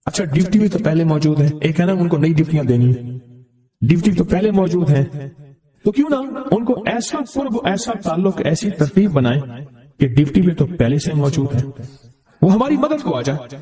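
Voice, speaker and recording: A man's voice: fairly high pitch, big pitch swings, mellow. A man preaching a sermon, telling a story and repeating phrases for emphasis. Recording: roomy echo.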